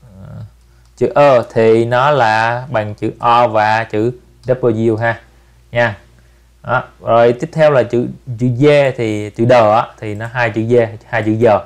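A man, hosting a relaxed step-by-step app tutorial and softening his phrases with tag particles. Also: mid-range voice, slow pace. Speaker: channel host giving an app tutorial. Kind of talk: casual screen-recorded tutorial.

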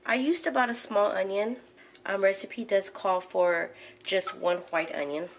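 A middle-aged woman with a mid-range voice hosts a home cooking channel, casually and unhurriedly talking through each recipe step as she cooks in her kitchen. Her instructional delivery includes the occasional "um." There's a little hiss or hum in the recording.

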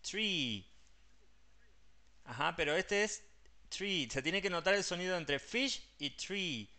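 Here the same kind of speaker, a Rioplatense-accented man teaching English, patiently breaks pronunciation down step by step while mixing English words into Spanish. His voice is high, pushed and bright, at a moderate pace.

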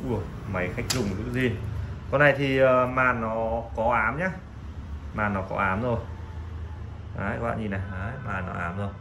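A man gives a casual, halting sales pitch as a shop seller, often repeating himself. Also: steady tone. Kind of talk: casual sales pitch presenting used phones. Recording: clearly noisy room recording.

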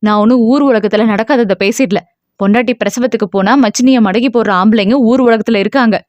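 A woman's voice: a little high, fast talker, darkish tone, no room sound, muffled recording, close to an everyday voice. A woman voicing a suspicious older sister who talks in an offhand, dismissive way. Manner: careless, offhand.

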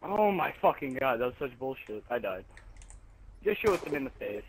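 A young man chatting and swearing while playing an online shooter with friends, loud and joking. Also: medium pitch, big pitch swings, normal speed, low-quality recording. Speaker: gamer. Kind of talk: casual multiplayer game chat. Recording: faint background noise.

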